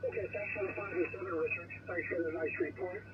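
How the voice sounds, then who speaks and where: Male radio amateur with a high voice, courteous, muffled by a noisy crackly radio channel. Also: steady tone, quick pace. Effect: crackly two-way radio. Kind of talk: polite ham radio contact. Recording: muffled distant radio, loud static.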